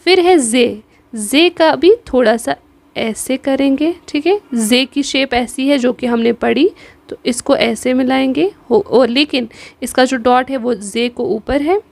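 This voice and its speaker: Woman, Kashmiri accent, high voice, dry close sound, patient Urdu script teacher. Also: gravelly, no room sound. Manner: patient, repeats "theek hai", spells letters slowly. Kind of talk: online exam-prep lesson.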